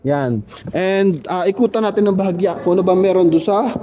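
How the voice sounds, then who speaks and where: High-voiced man in an echoey showroom. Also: fairly quick, warm tone. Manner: chatty, tags lines with questioning asides. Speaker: car sales agent. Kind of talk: car showroom walkaround. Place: car showroom. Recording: echoey showroom with long reverb.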